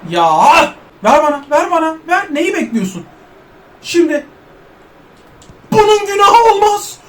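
A man giving loud, excitable gameplay commentary, joking in first person as an overweight footballer and cursing at his teammates. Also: extremely high pitch, a little slow. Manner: loud, excitable, trash-talks and curses at teammates. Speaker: gaming YouTuber.

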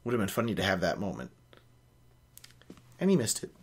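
Reading a novel on his book show, a young man in a small indoor home office keeps interrupting himself with picky, opinionated remarks. He speaks fairly quickly in a low, slightly rough voice with huge swings in pitch.

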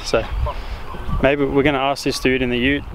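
A man's voice: medium pitch, flat delivery, moderate pace. A young Australian man casually chatting on a vlog, rambling with lots of fillers and the odd swear word. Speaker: vlogger. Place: car interior, then outdoors on a site. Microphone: action camera, fisheye. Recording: noisy car and outdoor ambience.

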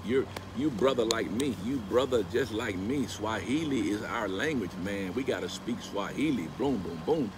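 Outdoors beside a pool at a house, a middle-aged man holds his phone camera at arm's length and tells a story in a casual vlog, his fairly low voice moving at normal speed with few pauses. He grows animated and rises into emphatic preaching whenever he quotes scripture, with steady background noise throughout.

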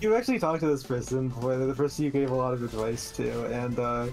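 A man's voice: mid-range voice, quick pace, rough recording. A man co-hosting a game stream, chatting casually, swearing and telling funny stories. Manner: laughing, swearing, storytelling. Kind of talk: casual gaming chat. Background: faint game music.

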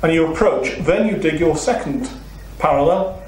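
In a very echoey meeting room, a distant mic that can't be seen records a middle-aged man from Wales addressing a seated audience. His slightly high voice has lively intonation and moves at normal speed. Speaking in a Welsh accent, he works steadily through an illustrated lecture, dropping in rhetorical questions.

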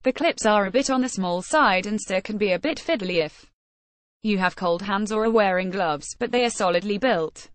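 A woman's voice: mid-range voice, normal speed, no echo. A woman reading out a product review in scripted narration, saying ratings and web addresses word for word.

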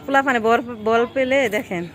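A woman, talking casually and coaxingly to a child for a vlog, asking questions and giving gentle instructions outdoors by the water. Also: fairly high pitch, brisk. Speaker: vlogger.

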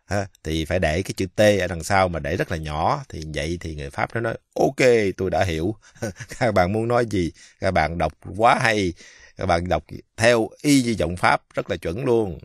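A man from Vietnam giving a casual pronunciation lesson, speaking slowly and haltingly with many fillers and drawing out the example words. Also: low-pitched, no echo, studio quality. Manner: slow, halting, many fillers, repeats French words drawn out. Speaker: French teacher.

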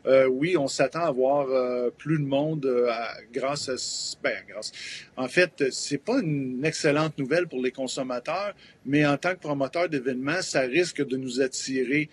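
A man's voice: mid-range voice, normal speed, slight background noise. A man in his fifties with a Québécois French accent, a promoter explaining things in a hesitant live TV interview with many fillers, heard over a remote video link. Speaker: event promoter.

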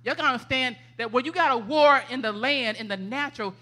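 A woman, preaching a lively, laughing testimony in a church. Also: high voice, fast. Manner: animated, laughing storyteller, conversational. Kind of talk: testimony sermon. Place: church sanctuary.

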